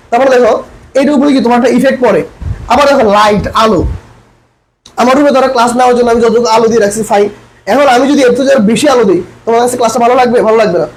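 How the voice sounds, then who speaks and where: A man's voice: very high-pitched, low-quality recording. A man with a Bangladeshi Bengali accent teaching an online English grammar class, asking students questions and repeating key points. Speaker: admission coaching lecturer.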